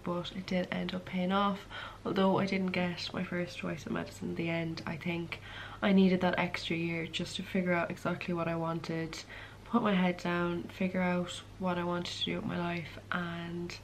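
A woman's voice: fairly low pitch, a little hiss or hum, poor audio. A woman in her early twenties with a west of Ireland accent, chatting casually to camera as a content creator answering questions. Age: early 20s. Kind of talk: casual chat to camera, Q and A vlog.

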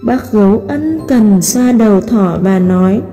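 A preschool teacher, narrating a storybook tale for children slowly and carefully. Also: female voice, mid-range voice, expressive. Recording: long hall reverb, soft music behind.

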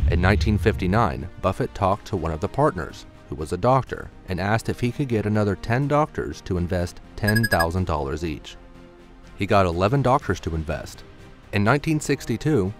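Guy narrating a documentary, lowish voice, steady and explaining, music clear behind him. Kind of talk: scripted narration.

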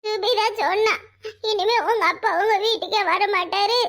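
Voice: very high-pitched, fairly even intonation, moderate pace, fairly bright tone. A performer voicing an anxious, tearful small schoolboy in a cartoon, asking pleading questions, with a southern Tamil accent from Tirunelveli. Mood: worried. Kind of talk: cartoon voice acting.

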